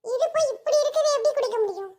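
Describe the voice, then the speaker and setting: A woman's voice: extremely high pitch, expressive, racing, dark tone. A woman voicing a stubborn teenage girl in a cartoon, whining and pleading as she refuses. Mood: whiny. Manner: whiny, protesting, pleading. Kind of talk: cartoon voice acting.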